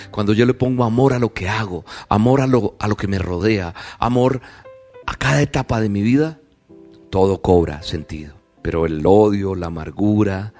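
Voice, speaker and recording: Earnest male devotional host, low voice, sermon after a fable, faint music under. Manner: earnest, preachy.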